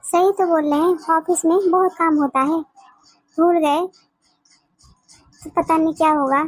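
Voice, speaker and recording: A woman's voice: very high-pitched, fairly even intonation, measured pace, no echo. A woman voice-acting an earnest, pleading young wife in a family cartoon. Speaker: cartoon voice artist.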